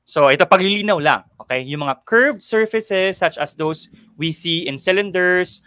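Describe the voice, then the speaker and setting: Male Filipino-accented tutor, bright and crisp-edged, explanatory and checking in often, recorded very dry. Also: high voice, moderate pace, no room sound. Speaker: math tutor co-hosting an online lesson. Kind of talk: conversational teaching, mixing two languages.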